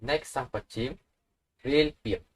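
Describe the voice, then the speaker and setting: A man's voice: mid-range voice, slow pace, poor audio. A man teaching a language lesson, patiently repeating each example word. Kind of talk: slow instructional tutorial.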